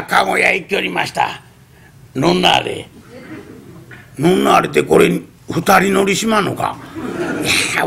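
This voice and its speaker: A man voicing a tipsy, scheming middle-aged male merchant with a Kansai accent, coaxing in a hushed, conspiratorial way in traditional comic storytelling. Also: high-pitched, vocal fry, heavily acted.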